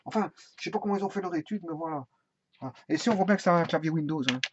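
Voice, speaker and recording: A man's voice: fairly high pitch, very fast. Hesitant man rambling through a keyboard tutorial. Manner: rambling, hesitant, many fillers and restarts. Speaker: tutorial presenter. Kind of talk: casual spoken tutorial on laptop keyboards. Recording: dull lo-fi sound with faint hiss.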